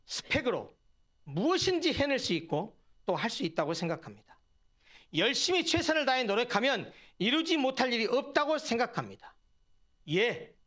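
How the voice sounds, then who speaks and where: A pastor delivers his sermon in a church, his voice sitting unusually high for a man. His pitch rises and falls widely as he presses the point. He speaks earnestly and keeps turning to the congregation with questions. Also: fairly bright tone. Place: church sanctuary.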